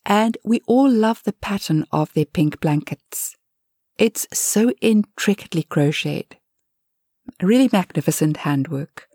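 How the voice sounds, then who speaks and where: A woman's voice: lowish voice, lively intonation, a little slow, warm tone, no room sound, studio quality. A woman voicing a cheerful chatty sister. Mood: friendly. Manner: friendly, chatty.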